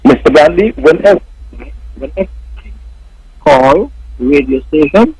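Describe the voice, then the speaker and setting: Calling a talk radio program by phone, this Saint Kitts man sounds a little high and animated yet speaks slightly slowly, his tone darkish. He stays formal, calling the host Mister again and again. The husky, dry phone audio carries slight background noise.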